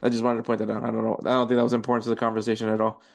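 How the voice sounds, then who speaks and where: A man hosts a casual football podcast at an ordinary, middle pitch. He rambles and corrects himself as he works through league standings and stats. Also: completely flat delivery, racing, creaky. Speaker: podcast host.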